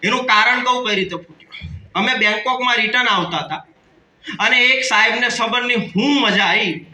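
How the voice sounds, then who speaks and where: A man's voice: very high-pitched, moderate pace, bright, forceful tone, roomy sound, far from the mic, low-quality recording. A man of around 30 with a Kathiawadi Gujarati accent gives a motivational business seminar talk, joking and calling out to the audience. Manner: jokey, calls out to the audience. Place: hall with an audience.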